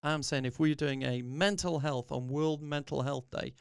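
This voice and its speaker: A middle-aged man speaks in an earnest, encouraging way, looping through his points with restarts as he gives a motivational talk. His voice sits a little high and has a gravelly edge. The sound is dry and close, with no room around it. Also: fairly even intonation, moderate pace, no room sound. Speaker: podcast host.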